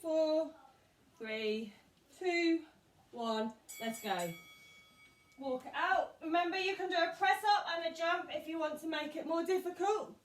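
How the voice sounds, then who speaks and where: A woman's voice: extremely high pitch, a little slow, distant mic. A woman coaching a home workout, encouraging and counting down the seconds, out of breath. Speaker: fitness coach. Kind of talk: workout instruction. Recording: roomy sound from away from the mic.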